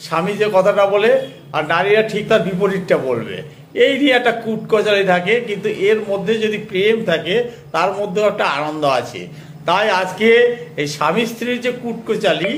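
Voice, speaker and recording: A man introducing and reciting his own rhyming poem in a measured, rhythmic way. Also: sits high, animated, fairly bright tone, roomy sound, slight background noise. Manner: slow, measured, rhythmic verse delivery. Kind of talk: poetry recitation with spoken introduction.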